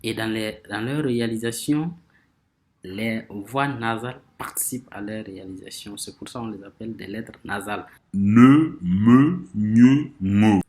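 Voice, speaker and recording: A man teaching a grammar lesson, speaking slowly and repeating words as he searches for phrasing, stressing example words emphatically. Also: on the low side, steady tone. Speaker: language teacher.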